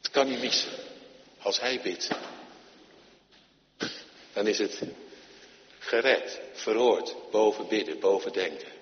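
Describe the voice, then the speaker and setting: A man preaching a sermon, emphatic, moving between loud urging and quiet, intimate passages. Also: fairly low pitch, animated, slow, long pauses, a little hiss or hum. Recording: dull lo-fi sound with long hall reverb.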